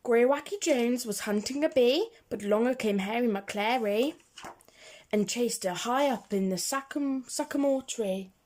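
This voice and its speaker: In an unhurried storybook read-aloud, a woman with a highish, darkish-toned voice works through the rhyming verse of a children's picture book. Her reading has a rhythmic, singsong lilt.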